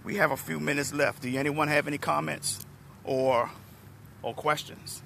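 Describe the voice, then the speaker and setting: Hoarse and fairly high-pitched at normal speed, a middle-aged D.C. motivational speaker chats casually with viewers on a livestream, naming them as he goes. He's outdoors under trees in a parking lot, phone at arm's length, and the recording carries a slight hiss or hum.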